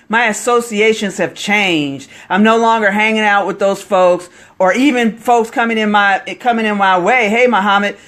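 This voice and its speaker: Casting: a high-voiced man, a motivational marketing coach on a live stream, fervent and preachy. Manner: excitable, preachy, greets viewers mid-talk.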